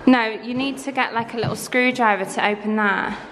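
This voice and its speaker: A woman in her twenties giving a chatty, excitable house-tour vlog of her renovated bathroom, filmed on a handheld camera. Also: a little high, fairly quick, a little hiss or hum. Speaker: vlogger. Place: empty bathroom under renovation, indoors. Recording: echoey bare room.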